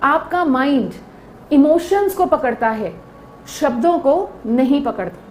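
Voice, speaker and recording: A woman's voice: high voice, expressive, takes it slowly, a little mellow, roomy sound, slight background noise. A woman giving a lecture, explaining step by step and often checking in with her listeners. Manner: explaining with repeated check-ins. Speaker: teacher.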